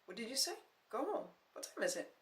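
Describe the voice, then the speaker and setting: Spirited young woman, quick indignant retorts, a woman reads her in a raised, lively voice in a roomy echo. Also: fairly high pitch, voice pushed up. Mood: teasing.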